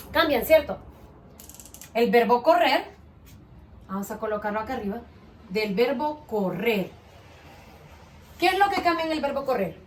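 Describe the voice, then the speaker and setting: A woman's voice: high-pitched, slight background noise. A woman teaching a grade-school lesson, asking the children questions and praising their answers with patience.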